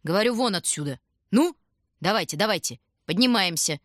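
A woman voicing a stout, gruff female tram conductor who barks orders and grumbles. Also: mid-range voice, expressive, normal speed, fairly bright tone, no echo, clean studio sound, close to an everyday voice. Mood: bossy. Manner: brusque, ordering people about.

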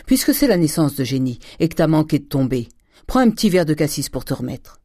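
A stingy old cooper with blunt, folksy jokes, put on by an audiobook reader. His voice sits on a dark, mellow tone and often jumps up high when he calls out. It is read in a dry, close room. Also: big pitch swings, fairly quick, no echo. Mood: gruff banter. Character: miserly old man, former cooper, jovial.

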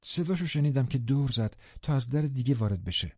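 A man narrating an audiobook in a sombre, measured way. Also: mid-range voice, expressive, a little mellow, slightly rough, dry recording. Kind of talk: scripted narration. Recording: muffled lo-fi recording.

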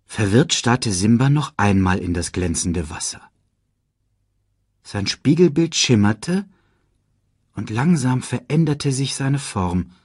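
A male narrator reading a children's story slowly and expressively. His slightly low voice is husky, with a lively rise and fall, and sounds close and dry. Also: no echo. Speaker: audiobook narrator.

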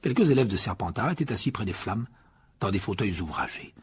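A male audiobook narrator reading a children's fantasy novel. His voice is low and raspy, and his delivery is measured and steady throughout. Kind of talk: scripted storybook narration.

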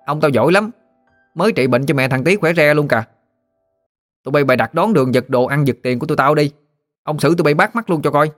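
A man voicing a cocky young boy who talks back excitedly and defiantly. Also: a little high, fast, pauses often, dry recording, clean studio sound, faint music behind, voice pushed up, lightly acted.

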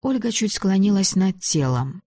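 A woman narrating an audiobook in a measured, even reading voice. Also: mid-range voice, dry recording, studio quality.

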